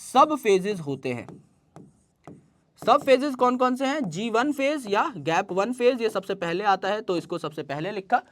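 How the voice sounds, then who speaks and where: Man teaching biology, dictating slowly. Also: sits high, sing-song. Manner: asks rhetorical questions and answers them himself; mixes English terms into Hindi explanation. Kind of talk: online biology lesson.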